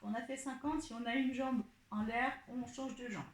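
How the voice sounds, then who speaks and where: A woman teaching a pilates class, calmly cueing each breath and movement step by step. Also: fairly high pitch, normal speed. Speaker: pilates instructor. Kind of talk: guiding an exercise class. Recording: echoey room.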